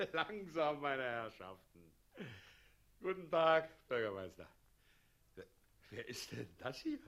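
A man's voice: on the high side, very animated, slow, long pauses, fairly bright tone, exaggerated voice. An actor playing a smug, condescending tyrant who is hailed as a liberator in a radio play, chuckling as he speaks. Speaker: president of the town.

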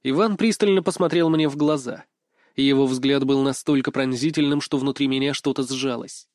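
A man narrating a first-person audiobook in a steady, expressive storytelling manner. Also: mid-range voice, normal speed, no echo, studio quality.

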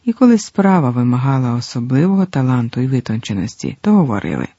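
Husky, mellow male audiobook narrator. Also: medium pitch, big pitch swings, fast talker, no echo. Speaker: audiobook reader. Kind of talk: scripted narration. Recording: dull lo-fi, dry.

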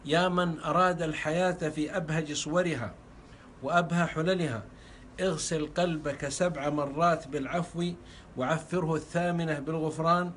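Fervent preacher guy talking fast, kinda high voice, faint hiss behind. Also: a bit bright. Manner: fervent, repeats phrases for emphasis. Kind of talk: sermon.

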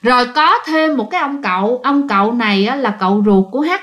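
High-voiced woman storyteller. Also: fairly quick, a bit bright. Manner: chatty, addresses listeners directly. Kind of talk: ghost story narration.

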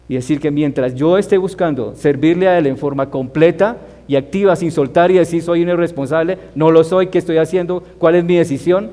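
A man's voice: on the high side, a little mellow, long reverb tail. A man teaching a Bible study as a sermon, asking his listeners rhetorical questions. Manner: asks the audience rhetorical questions.

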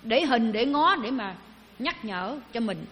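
A woman's voice: on the high side, lively intonation, a little slow, a bit bright, a little hiss or hum. A woman giving a Buddhist dharma talk, chatting with her audience and asking them questions. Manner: conversational, asks the audience questions. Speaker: Buddhist teacher. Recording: long hall reverb.

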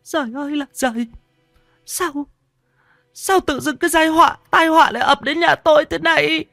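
A man voicing an elderly village wife who laments in a high, shrill voice. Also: steady tone, moderate pace, creaky, pushed and bright, no room sound, clean studio sound, soft background music, exaggerated voice. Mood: wailing.

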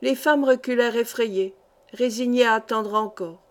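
A woman narrating a literary short story as an audiobook reader, in a measured way. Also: a little high.

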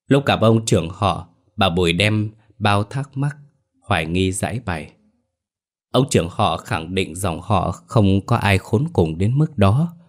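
A male storyteller giving a steady, measured scripted narration of a ghost story. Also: sits low.

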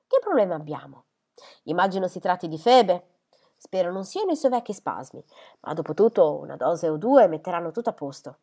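A kindly middle-aged country doctor and protective father speaks in an earnest, steady manner, read by a woman. The voice sits a little low. It comes from a storybook reading. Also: brisk. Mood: reassuring.

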